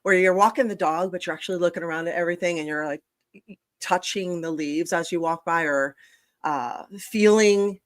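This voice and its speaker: A woman co-host chatting on a video call, animated and quick to laugh. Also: fairly low pitch, dry recording, studio quality. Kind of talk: casual chat.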